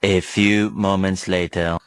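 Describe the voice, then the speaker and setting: A man giving deadpan, drawn-out time-card announcements in a monotone. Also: deep voice, smooth, no room sound.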